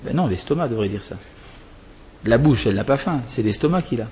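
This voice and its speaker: Man, religious teacher, explanatory talk, digressive, asks himself questions, mid pitch. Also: animated, a little fast, a little mellow, dull audio, slight background noise. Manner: digressive, asks and answers his own questions.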